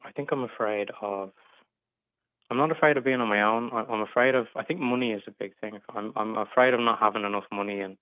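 A man in his twenties from England calls in for casual advice over a tinny phone line, his lowish voice fairly even in intonation. He talks fast yet hesitantly, stammering through many restarts, and there's no echo.

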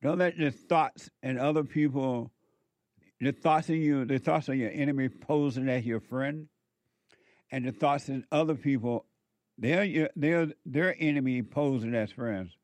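A man's voice: mid-range voice, a little slow, darkish tone, no echo. A man hosting a call-in show, exhorting listeners in a preachy way before taking callers. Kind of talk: call-in radio talk.

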